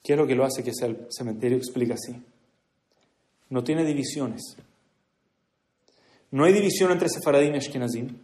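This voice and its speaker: A man giving an earnest religious speech to a gathering, moving between hushed and emphatic delivery. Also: medium pitch, moderate pace, long pauses. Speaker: speaker at a community prayer gathering. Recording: echoey room.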